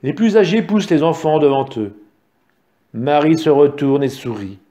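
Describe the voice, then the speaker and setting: A man narrating a story with a calm, measured reading. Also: fairly high pitch.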